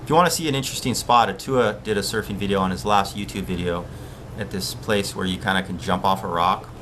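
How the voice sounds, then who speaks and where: A man's voice: low voice, fast talker, background noise. A man from Hawaii, a surf coach hosting a casual live-stream Q&A and reading viewer questions aloud. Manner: relaxed, chatty, reads viewer questions aloud.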